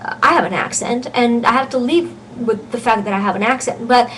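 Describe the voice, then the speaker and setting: Woman teaching pronunciation, fairly high. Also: fairly bright tone, a little hiss or hum, poor audio. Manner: earnest, restarts often, slows down to demonstrate vowel sounds. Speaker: French teacher. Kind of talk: online pronunciation lesson.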